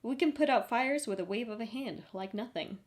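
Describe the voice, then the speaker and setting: A woman's voice: a little high, normal speed, pitched above the performer's own voice, natural voice. A woman voicing a stern older witch who teaches her young relatives in a dry, teacherly way.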